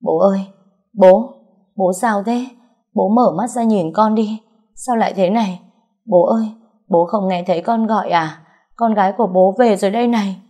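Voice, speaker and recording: A woman voicing a grief-stricken young woman who cries hoarsely over her dead father in an audiobook story. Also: medium pitch, slow pace, voice pushed up. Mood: anguished wailing. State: crying.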